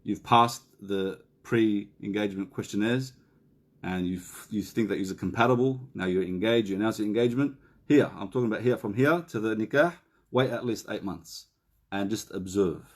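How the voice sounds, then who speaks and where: A middle-aged man giving relationship counselling in a live question and answer session, chatting casually, reading out viewer questions and slowing down to repeat key points. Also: lowish voice. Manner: conversational, reads out viewer questions; slows down and repeats key phrases.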